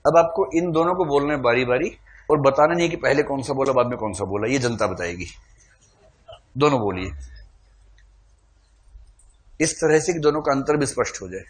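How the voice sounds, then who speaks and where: A man teaching a classroom lecture, animated, quizzing the class with questions. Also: medium pitch, normal speed, long pauses.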